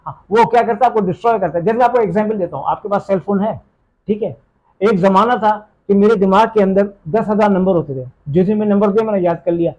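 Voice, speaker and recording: A Pakistani man who teaches English answers interview questions emphatically, slipping English phrases in and asking "theek hai?". He talks fast in a high-pitched, slightly mellow voice, and the audio quality is poor.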